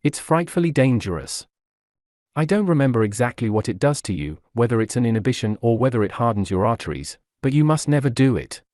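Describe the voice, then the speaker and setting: A man voicing a cool-headed young gentleman who speaks with dry, wry humour. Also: medium pitch, big pitch swings, brisk, no echo, lightly acted.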